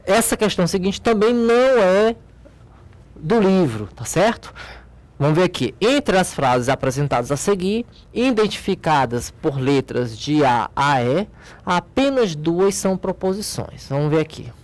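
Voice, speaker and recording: A man teaching logic, a math teacher with a Brazilian accent, works patiently through a board exercise while regularly posing quick questions to his students. His voice sits high, with lively intonation and an unhurried delivery.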